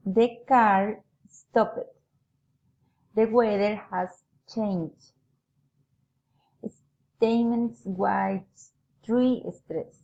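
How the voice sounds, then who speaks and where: Woman, slow deliberate reading, mellow voice, dull lo-fi recording. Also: medium pitch, vocal fry. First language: Spanish. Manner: slow, careful reading with pauses between phrases. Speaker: student. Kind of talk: reading practice sentences aloud.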